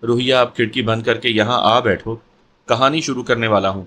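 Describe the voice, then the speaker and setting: A jovial middle-aged doctor who teases his friends in an easygoing, amused way, read by a man in a storybook narration. His voice sits at a plain middle pitch. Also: fairly even intonation, a bit bright, a little hiss or hum, lightly acted. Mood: teasing.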